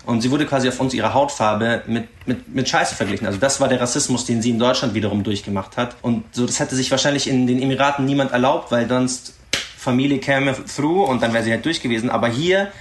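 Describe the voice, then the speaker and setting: A man's voice: mid-range voice, fast talker. A man in a casual discussion, relaxedly explaining another person's experience. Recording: roomy echo, faint noise.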